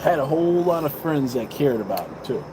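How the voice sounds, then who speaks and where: A man's voice: on the high side, big pitch swings, fairly quick, noisy background. A man in his fifties giving rambling, earnest life advice in a casual monologue, swearing freely and repeating himself. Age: 50s. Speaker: vlogger. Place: balcony, outdoors.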